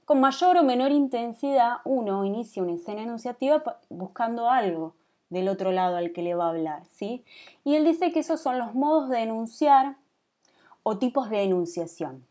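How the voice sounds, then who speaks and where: A woman's voice: a little high, lively intonation, moderate pace, warm tone. A woman in her thirties with a Rioplatense Spanish accent, lecturing a design class and checking in with students with a frequent "¿sí?". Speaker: teacher.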